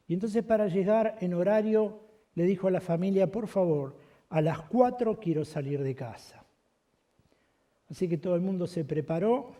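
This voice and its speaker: A man from Argentina, a pastor telling a sermon story vividly, slowing and speeding up with the tale. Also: sits high, dark tone.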